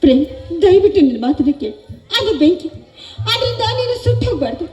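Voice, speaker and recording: A woman's voice: extremely high pitch, very animated, fast, a little mellow. Woman playing a tearful pleading young woman. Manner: melodramatic pleading stage delivery. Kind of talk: stage drama acting. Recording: echoey hall with music behind.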